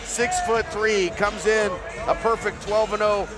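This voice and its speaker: A man's voice: high-pitched, little pitch movement, a little slow, music in the background, a crowd in the background. A man giving live play-by-play boxing commentary, setting up the fight and the fighters' records.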